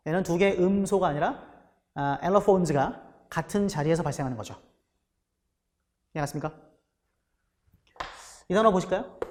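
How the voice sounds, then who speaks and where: A man teaching a lecture class in a high, bright voice. He keeps asking questions and answering them himself. A long reverb fills the room around him. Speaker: English teacher for exam prep. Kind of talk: recorded lecture.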